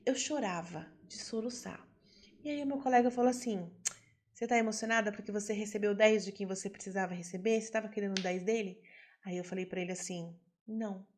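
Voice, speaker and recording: A woman teaching a self-development class. She tells a personal story, turns emphatic and then quiet, and asks the class questions. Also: mid-range voice, a little fast. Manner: animated, emphatic, swings between loud and soft; talks straight to the class, asking them questions.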